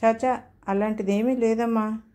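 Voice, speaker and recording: A woman's voice: a little high, fairly even intonation, unhurried, dark tone, lightly acted. A woman voicing an older grandmother who soothes her crying grandson. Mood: soothing. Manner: soothing, coaxing.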